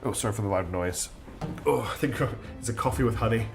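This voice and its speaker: A man with a fairly low, gravelly voice streams a strategy game live, talking fairly quickly over faint music. He thinks aloud in a chatty way, with lots of ums and restarts, and his nose sounds slightly blocked.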